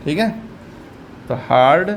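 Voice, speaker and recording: A man's voice: on the high side, lively intonation, slow pace, a little hiss or hum. A man teaching English reading, patiently repeating each sound and quizzing his learner step by step. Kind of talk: step-by-step phonics lesson.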